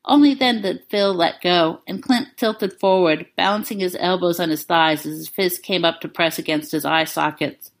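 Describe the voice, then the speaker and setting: A woman narrating fan fiction aloud in a calm, even storytelling manner. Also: fairly low pitch, normal speed, vocal fry, few pauses.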